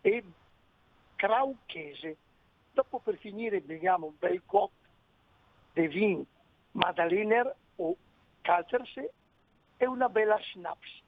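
Man, from the Bolzano area, radio caller, cheerful, high voice, tinny phone line. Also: expressive, takes it slowly, long pauses. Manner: cheerful, listing foods. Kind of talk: phone call-in chat.

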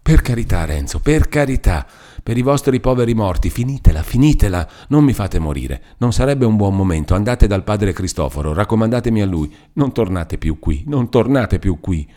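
A man's voice: on the low side, expressive, normal speed, warm tone, natural voice. A man reading aloud voices a devout young woman who pleads tearfully and imploringly.

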